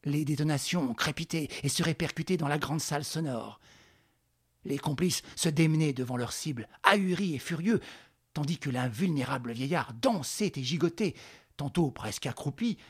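A man's voice: on the high side, lively intonation, slightly rough. Man narrating a dramatic radio play. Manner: measured, dramatic storytelling.

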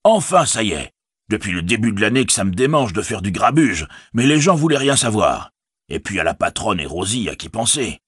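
Brief: man voicing a hearty hobbit farmer for a storybook, husky, lively delivery. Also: lowish voice, a little fast, no echo, studio quality, pitched above the performer's own voice, full character voice. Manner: blunt, folksy. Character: gruff middle-aged male hobbit farmer, hearty. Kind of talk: audiobook reading.

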